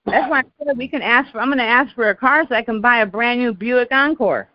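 A woman's voice: a little high, a little fast, no room sound. An older woman hosting a community call, chatting and telling stories and often repeating her words. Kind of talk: casual call-in chat. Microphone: call audio. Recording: muffled dry call audio.

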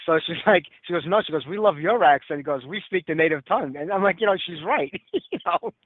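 A man with a heavy Brooklyn accent hosts a casual music radio show. His voice sits a little high and he rushes through his words at a quick clip. The audio is narrow and phone-like. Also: animated, no echo. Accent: heavy Brooklyn New York. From Brooklyn, New York.

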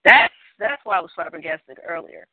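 A woman's voice: fairly low pitch, animated, normal speed, no room sound. Effusive woman chatting over a tinny phone line. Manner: effusive, rambling. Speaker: show guest. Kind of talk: casual chat.

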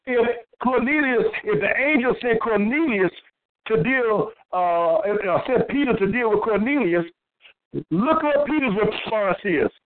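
A man's voice: high-pitched, expressive, a little slow. Affirming man on a tinny phone line. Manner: interjects often with affirmations and questions. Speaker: co-host of a Bible show. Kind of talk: call-and-response Bible study.

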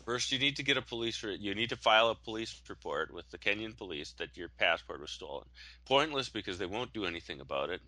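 A man's voice: on the low side, animated, fast, bright, forceful tone, dry recording, poor audio. A young man co-hosting a casual podcast chat, telling a long story with many restarts and fillers. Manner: rambling storyteller, full of restarts. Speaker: podcast co-host.

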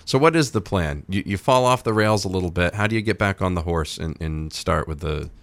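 A man with a very low, gravelly and hoarse voice hosting morning radio. He speaks close to the mic in a dry studio, cracking jokes between plugs. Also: fairly quick, no echo. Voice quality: gravelly voice today. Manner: jokey, wisecracking. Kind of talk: casual radio talk with promo reads. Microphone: studio microphone.

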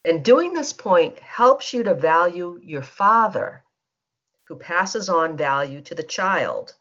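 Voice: mid-range voice, big pitch swings, slow pace, a bit bright. A facilitator leading a guided energy-healing session, speaking in a soothing way and prompting listeners to repeat statements. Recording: dull lo-fi teleconference line.

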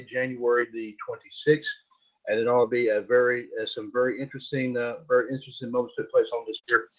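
A man hosting an internet radio show, talking in a folksy, repetitive way with plenty of fillers. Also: mid-range voice. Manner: folksy, repeats himself, lots of fillers. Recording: dull lo-fi internet radio audio.

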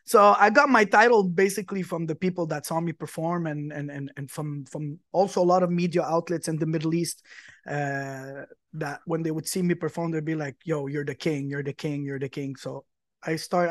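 A man's voice: a little high, steady tone, normal speed, dry recording, clean studio sound. A man from Quebec, a musician guest on a talk show, eagerly telling long stories about his career. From Quebec, Canada. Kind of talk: casual interview chat.

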